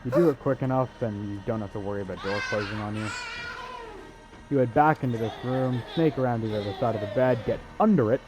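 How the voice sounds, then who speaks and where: A young man with a medium-pitched voice talks fast over game music and sounds, giving a casual, sarcastic video game walkthrough full of crude jokes. The audio quality is poor.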